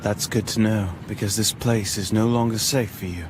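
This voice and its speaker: A man as a low, calm anime protector. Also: moderate pace, noisy background, close to an everyday voice. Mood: calm, concerned. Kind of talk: English anime dub acting.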